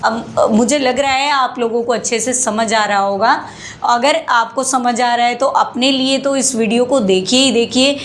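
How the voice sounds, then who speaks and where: A woman teaching English spelling rules in a slow, patient lesson, repeating words and asking rhetorical questions. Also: a little high, slight background noise.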